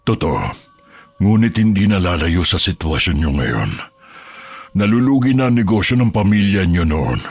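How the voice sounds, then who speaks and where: A man voicing a calm, grave older villager who tells dark secrets slowly in a horror audio story. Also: deep voice, soft background music.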